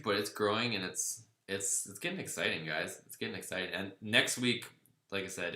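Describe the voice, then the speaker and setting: In a reverberant space, a man with a fairly low pitch and sharp tone hosts a car channel livestream. He keeps the Q&A casual, reading viewer comments aloud and chatting back loosely, riffing in a laid-back manner.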